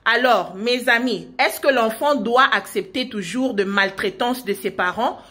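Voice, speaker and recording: A woman's voice: on the high side, unhurried, bright, forceful tone. A woman making an impassioned public appeal, insistent and repetitive, full of rhetorical questions and stumbling restarts. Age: 20s. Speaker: provincial deputy denouncing her parents.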